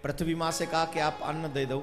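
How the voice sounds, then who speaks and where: A man telling a devotional story as a sermon to a live audience, animated, with rhetorical questions and chanted verses. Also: a little high, brisk. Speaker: religious storyteller preacher. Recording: reverberant hall with faint music.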